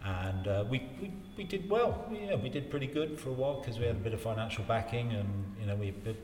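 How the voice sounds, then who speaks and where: With a lowish, darkish voice and lively intonation, an older Wiltshire man in his 60s looks back casually on his life as an interview guest in local politics. His talk is rambling and halting with repeated phrases, captured in a reverberant room with faint background noise.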